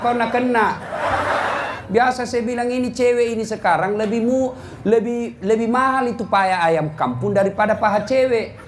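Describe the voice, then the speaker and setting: A man preaching a comedic sermon to a congregation, telling stories with sudden sharp punchlines. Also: heavy background noise. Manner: animated storytelling with sudden high-pitched punchlines. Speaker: Islamic preacher.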